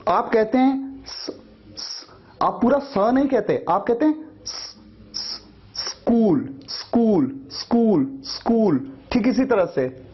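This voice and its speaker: A man teaching English pronunciation, patiently explaining and repeating example sounds slowly. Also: high voice, breathy edge, highs cut off. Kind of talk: spoken language lesson.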